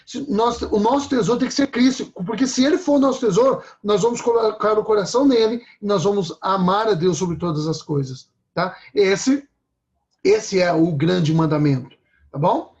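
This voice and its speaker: A man's voice: high voice, normal speed, a little mellow, lo-fi sound. A man preaching a sermon in a conversational way, often checking in with his listeners.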